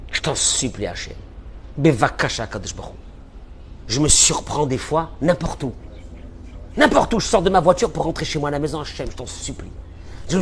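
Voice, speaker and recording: A man delivering a fervent sermon as a rabbi, his voice at an ordinary male pitch. He pleads and repeats key phrases, swinging from hushed to loud. A faint hiss sits under the recording. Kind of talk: impassioned religious lecture.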